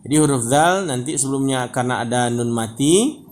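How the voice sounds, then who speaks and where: A man's voice: medium pitch, animated, darkish tone, a little hiss or hum. Patient male Quran reading teacher. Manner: patient, repeats "Bapak dan Ibu, ya" often; drawls out example words slowly.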